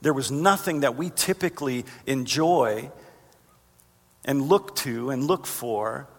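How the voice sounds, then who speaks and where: Male pastor, mid-pitched, earnest sermon delivery, long hall reverb. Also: slow pace. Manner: earnest, rises in pitch for emphasis. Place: church sanctuary.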